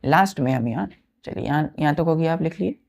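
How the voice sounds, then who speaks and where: A woman's voice: deep voice, animated, brisk, creaky, darkish tone. A woman teacher gives a vocabulary lesson, spelling words letter by letter and counting aloud. She repeats each word and keeps checking that her students follow.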